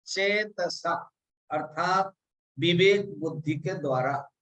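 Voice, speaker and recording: A man, a monk, giving a scripture discourse and slowly reciting verses before explaining them. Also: high voice, fairly bright tone, poor audio. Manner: slow, deliberate explanation with drawn-out recited verses. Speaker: monk teacher.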